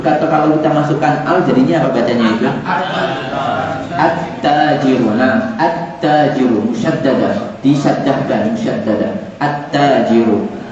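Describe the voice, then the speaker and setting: Guy teaching arabic to a class, keeps repeating words, jokey, dull echoey far-off sound. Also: medium pitch. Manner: repeats words, jokes and chuckles with students. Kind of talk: classroom lesson. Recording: echoey, distant, dull room recording with students. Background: class of students.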